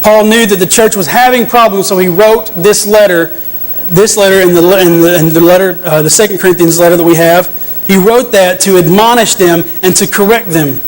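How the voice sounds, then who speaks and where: A man's voice: high voice, brisk, rough recording. A man preaching a sermon to a congregation, earnest, often restarting and repeating phrases, sometimes asking the listeners questions.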